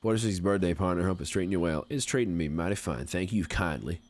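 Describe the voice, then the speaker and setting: This forties-aged game streamer slips into a put-on Southern American accent as a folksy frontier type, courtly, amiable and chatty in casual livestream talk. He talks fast, with a low, slightly mellow voice and lively intonation, and there's no echo.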